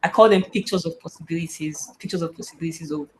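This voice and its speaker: A woman's voice: sits low, quick pace, darkish tone, low-quality recording. Nigerian woman on a video call telling her faith story, earnest, faint hiss behind. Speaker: panel guest. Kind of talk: personal testimony on a video call.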